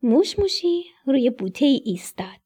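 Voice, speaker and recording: A woman's voice: high voice, slightly rough. A woman narrating a children's story expressively, dropping to a whisper at tense moments. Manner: expressive, dips into whispers for suspense.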